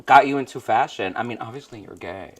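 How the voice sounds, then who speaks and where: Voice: mid-range voice, a little fast. A drag performer hosting a show, chatting casually, gushing and laughing a lot and swearing casually. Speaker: podcast host, drag performer. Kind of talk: casual chat.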